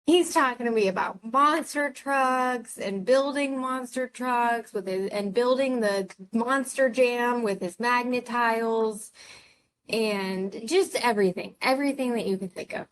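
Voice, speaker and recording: A woman's voice: a little high, measured pace, low-quality recording. A woman teaching a nursing class online, chatting expressively with her students over a video call. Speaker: nursing clinical instructor. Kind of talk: casual chat before an online class.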